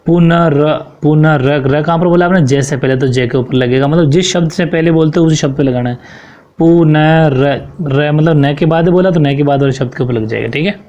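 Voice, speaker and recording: A man's voice: fairly high pitch, fairly quick, few pauses, a little mellow, muffled recording. A man teaching a grammar lesson, explaining corrections one by one and often checking in with his students.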